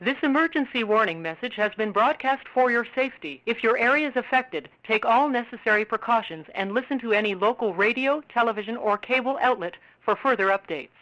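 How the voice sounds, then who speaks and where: Give me a bright, formal announcer calling for attention over a dull PA-like broadcast speaker. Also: medium pitch, brisk, hardly any pauses. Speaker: emergency bulletin announcer. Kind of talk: scripted alert announcement.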